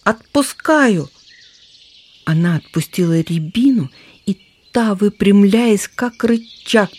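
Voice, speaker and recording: A storyteller reading a children's animal tale aloud, lively and shifting voices for characters. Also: medium pitch. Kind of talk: storybook narration.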